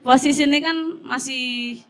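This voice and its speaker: A woman's voice: high-pitched, steady tone, normal speed, a faint crowd. A young woman with a Javanese accent asking a question from the audience, shy and giggly, heard off-mic. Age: young adult.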